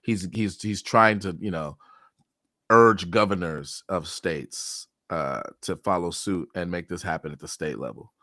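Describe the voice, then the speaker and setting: A man's voice: sits low, measured pace, bright, forceful tone, dry recording, studio quality. A young man hosting a casual current-events talk over a video call, reading headlines aloud with frequent fillers and restarts. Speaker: podcast host.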